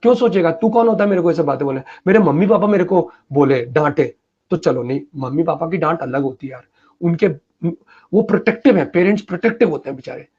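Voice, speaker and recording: High-voiced man giving emphatic advice. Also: animated, fast, a little mellow, husky, muffled recording. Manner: emphatic, colloquial, often switching into English phrases. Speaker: mentor answering students' questions. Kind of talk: casual live Q&A advice.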